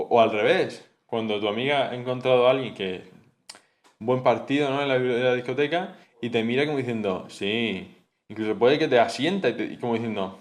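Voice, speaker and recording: Young guy going over class notes, chatty and rambly, lots of "¿no?", kinda mid-pitched. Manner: chatty, rambling, with frequent fillers and "¿no?" checks. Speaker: student explaining course material. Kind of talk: casual spoken study lesson.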